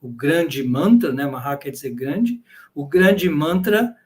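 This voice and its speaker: A man's voice: mid-range voice, lively intonation, a little slow, a little mellow. A man with a Brazilian Portuguese accent giving an explanatory talk to a live audience, checking in with frequent tag questions. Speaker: lecturer on bhakti yoga.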